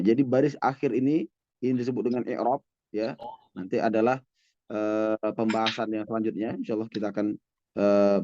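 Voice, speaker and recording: A man's voice: medium pitch, darkish tone, no room sound, highs cut off. A man teaching an Arabic grammar lesson to adult students, patient and drawn out, with frequent fillers. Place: mosque classroom with online students.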